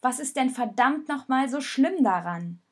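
A woman voicing a young girl who urgently pleads with her friends to hold together, in a storybook reading with a breathy voice. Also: on the high side, a little slow, darkish tone. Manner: urgent, pleading then firm. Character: girl named Rosa, young, determined peacemaker.

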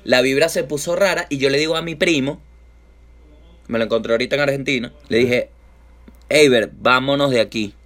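Talking fairly quickly in a mid-range voice, a Venezuelan-accented man shares a lively anecdote in casual conversation. It's full of street slang and restarts, and he acts out the voices of the people he's quoting.

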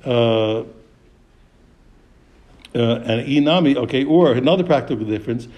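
This is a man teaching a Talmud text in a warm, mellow voice at an ordinary middle pitch. He reads Aramaic phrases and explains each one in English. He poses questions and answers them himself, often stumbling and restarting his sentences. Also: a little slow. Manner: frequent restarts, repeated words and hesitations.

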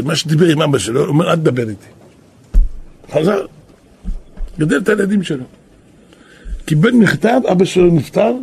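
A man, a rabbi and yeshiva head, telling a story in a sermon, animated and now and then calling out quoted lines loudly. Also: on the high side. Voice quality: raspy.

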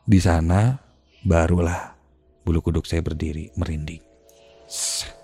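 A man, hosting a podcast and telling a ghost story in a hushed, suspenseful way. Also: low voice, steady tone, unhurried, gravelly. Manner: hushed, suspenseful, dropping to near-whispers. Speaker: podcast host. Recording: faint music behind the voice.

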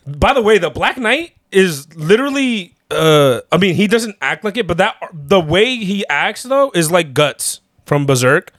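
A young man co-hosting a podcast in casual chat, excited and slangy, laughing often. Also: high voice, measured pace, few pauses, dry recording, clean studio sound. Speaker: podcast co-host.

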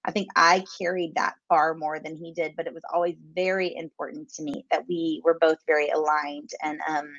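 A woman guest in an interview, an adoptive mother speaking warmly and reflectively. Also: sits low, little pitch movement. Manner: warm, reflective, slow and searching. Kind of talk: conversational interview. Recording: slightly dull lo-fi sound.

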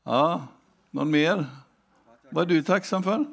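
A man preaching a sermon, asking the congregation direct questions and reading scripture aloud slowly and deliberately. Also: on the high side, vocal fry. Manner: engaging, asks the congregation questions. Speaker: pastor.

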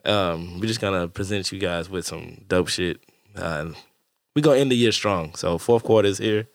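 A man's voice: deep voice, normal speed, no echo, studio quality. A man co-hosting a casual podcast chat, sounding slightly nasal from a cold, laid-back and profane, laughing often. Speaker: podcast co-host.

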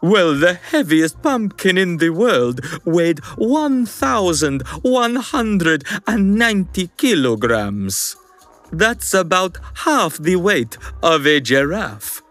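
A man's voice: sits high, very animated, slow pace, a bit bright, no echo, soft background music, full character voice. A man doing Dracula, hammy vampire count. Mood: hammy, gloating. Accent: put-on Transylvanian. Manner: dramatic, with gloating laughs. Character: theatrical male vampire count, hammy and gleeful. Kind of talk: kids' quiz show sketch.

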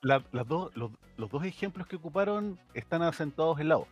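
A man's voice: a little high, expressive, brisk, husky, soft background music. A man with a Chilean accent, co-hosting a casual podcast chat with teasing, pedantic asides. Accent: Chilean Spanish. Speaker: podcast co-host.

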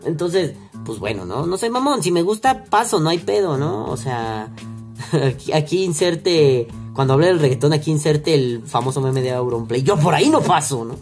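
A man's voice: a little high, sing-song, normal speed, darkish tone, faint music behind. A young Mexican man with a Mexican accent, telling a story in a crude, slang-filled, rambling vlog monologue. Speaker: vlogger.

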